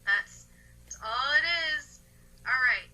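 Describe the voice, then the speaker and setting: A woman's voice: on the high side, slow pace, pushed and bright, a little hiss or hum, rough recording. A woman hosting a podcast in casual fan chat. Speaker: podcast host.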